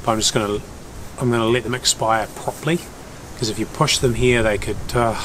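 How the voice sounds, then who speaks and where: A man's medium-pitched voice, brisk and fairly even in intonation, comes from a hunting vlogger with a broad New Zealand accent. He chats casually and laid-back to the camera among the bush and hilltops, against noisy outdoor ambience.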